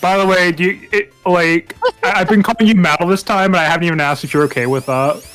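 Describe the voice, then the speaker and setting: A man's voice: sits high, a bit bright, soft background music. A man chatting casually on a game stream, joking and laughing often. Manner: jokey, laughs a lot, quick asides. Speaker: stream guest.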